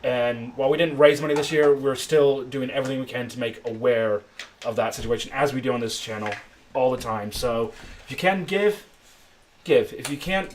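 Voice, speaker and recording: Man, game master and host, chatty tone with frequent laughs, middle pitch. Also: a little hiss or hum. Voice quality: chatty, laughs between sentences. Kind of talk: hosting and narrating a tabletop game.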